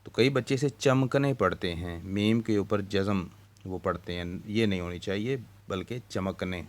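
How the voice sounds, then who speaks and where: A man teaching an Urdu lesson to young children. He recites lines of a poem slowly and then explains the vowel marks one by one, with a Pakistani Urdu accent. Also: fairly low pitch.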